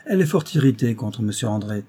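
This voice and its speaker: A man's voice: medium pitch, fast talker, breathy edge. A man reading aloud voices a playful, mischievous young woman who teases an older man. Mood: teasing. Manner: lively, teasing.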